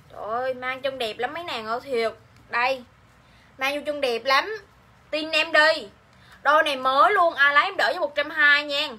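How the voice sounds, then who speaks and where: A woman with a Southern Vietnamese accent runs a live clothing sale. Her voice sits high and rings bright and forceful. She chats nonstop, saying each line twice and coaxing viewers to buy. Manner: chatty, repeats each line, coaxes viewers. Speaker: livestream clothing seller. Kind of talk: live-sale selling chat.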